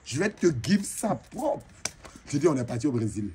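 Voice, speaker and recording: This comic in-character monologue comes from a male comedian with an Ivorian French accent, portraying a flamboyant, boastful female braider chief telling funny tales in occasional broken English. His mid-range voice is natural, sing-song and dark, at normal speed, with slight background noise.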